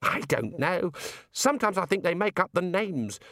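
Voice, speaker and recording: A man reads a storybook aloud, voicing a gloomy young male wizard who is weary and exasperated and sighs through awkward explanations. His exaggerated delivery moves a lot in pitch and comes at a moderate pace. The sound is close and dry, with no room sound.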